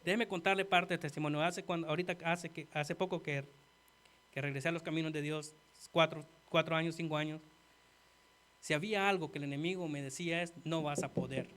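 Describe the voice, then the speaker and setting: A man preaching a sermon earnestly, talking straight to the congregation and swinging from quiet asides to loud emphasis. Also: fairly high pitch, fairly even intonation, fairly quick. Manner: earnest, addresses listeners as "hermano".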